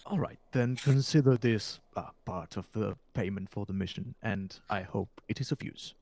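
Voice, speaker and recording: A man's voice: on the low side, normal speed, a little mellow, no room sound. A man doing a polite, evasive shopkeeper. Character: calm male shopkeeper, polite but evasive.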